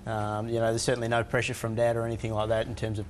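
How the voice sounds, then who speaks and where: A young man, a racing driver guest, answering in a relaxed, modest way with many fillers. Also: mid-range voice, rapid-fire, a little hiss or hum. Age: young adult. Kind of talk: television interview.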